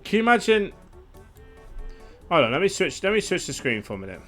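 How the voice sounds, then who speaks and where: A young man talks casually as he plays, chatty and swearing freely. His voice sits a touch high and swings widely in pitch. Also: sing-song, brisk, a bit bright, faint music behind. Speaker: game streamer. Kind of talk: casual gaming chat.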